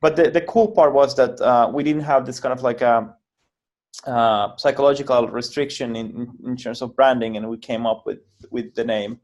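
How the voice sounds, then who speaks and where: Halting man explaining. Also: mid-range voice, darkish tone. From Finland. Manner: halting, frequent word repeats and restarts. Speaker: guest, project founder. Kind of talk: explanatory interview answers.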